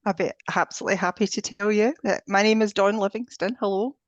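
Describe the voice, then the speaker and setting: A woman's voice: medium pitch, steady tone, fast talker, no echo, lo-fi sound. A woman with a Scottish accent, chatting as an interview guest, with frequent fillers and restarts. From Scotland. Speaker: guest, ascension coach. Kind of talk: casual interview chat.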